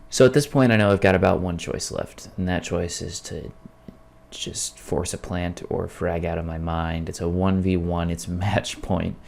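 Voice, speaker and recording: A man narrating his own gameplay in a casual, wry and self-deprecating storytelling voice-over, with a gravelly creak. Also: low voice, flat delivery, unhurried, darkish tone, a little hiss or hum. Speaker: video creator narrating gameplay.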